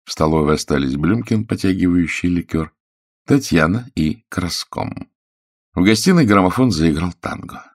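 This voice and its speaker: Low-voiced male audiobook narrator, dry close recording. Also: expressive, dry recording. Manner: measured storytelling. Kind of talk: scripted narration.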